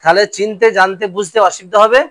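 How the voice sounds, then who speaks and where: High-voiced male Quran teacher. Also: fairly even intonation, quick pace, fairly bright tone, some chatter behind, a little hiss or hum. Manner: drills letter sounds, asks pupils questions. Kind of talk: classroom lesson on Arabic letters.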